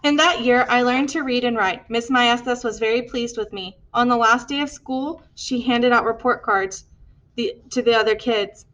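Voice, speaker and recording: A woman's voice: fairly high pitch, moderate pace, fairly bright tone, rough recording. Woman narrating an audiobook. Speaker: audiobook reader.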